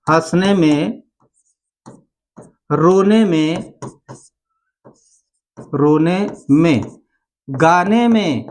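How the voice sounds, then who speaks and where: A male teacher giving an exam-prep grammar lesson, repeating key terms and asking rhetorical questions. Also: high-pitched.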